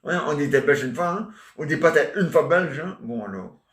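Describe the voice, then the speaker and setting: A man's voice: on the high side, lively intonation, moderate pace, fairly bright tone. A man talking in a meandering, joking monologue, full of little asides and fillers. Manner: meandering, jokey, filler-heavy. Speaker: vlogger. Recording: echoey room.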